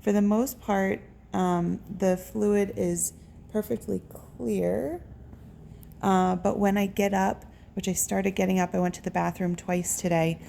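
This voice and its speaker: A woman giving a casual vlog update, talking haltingly and pausing to search for words. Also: medium pitch, fairly even intonation, vocal fry, mellow. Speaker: patient recording a recovery vlog. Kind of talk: casual update talk to camera. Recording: faint background room noise.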